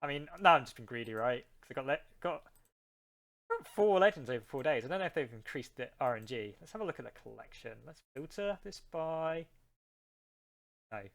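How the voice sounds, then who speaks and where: A man's voice: mid-range voice, expressive, a little fast, vocal fry, a bit bright. A man streaming a card game live, chatting casually with his viewers and rambling between plays.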